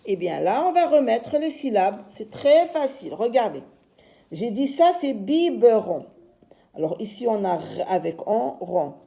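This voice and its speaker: Woman teacher, slow and patient, spelling out syllables for little kids, mellow voice. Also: a little high, very animated, creaky. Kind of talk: reading lesson for young children.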